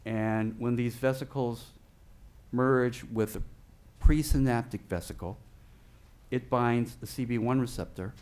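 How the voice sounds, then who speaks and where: A man teaches a class in a large hall, and his voice echoes back off the walls. He explains patiently in small steps and pauses to check in with his listeners. The hall reverb stays on every phrase. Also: medium pitch, steady tone, a little mellow, smooth. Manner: explanatory, checks in with "okay?" and car analogies. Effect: echo of a big hall on his voice. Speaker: lecturer. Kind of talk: teaching lecture on brain science.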